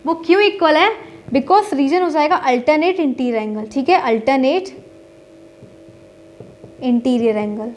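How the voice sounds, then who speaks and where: A woman's voice: sits high, measured pace, pauses often, darkish tone. A young woman teaching a maths lesson step by step, mixing with terms, asking and answering her own questions and checking in often.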